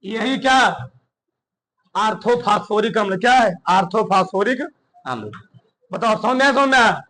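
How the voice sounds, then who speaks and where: A man teaching a chemistry class, quizzing students with constant call-and-response questions and dictating notes slowly. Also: sits high, expressive, pushed and bright, low-quality recording. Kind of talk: classroom lecture.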